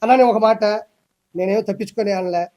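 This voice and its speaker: High-pitched, fast, fiery ranting man. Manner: loud, emphatic, repetitive ranting. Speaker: interview guest. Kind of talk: heated political interview.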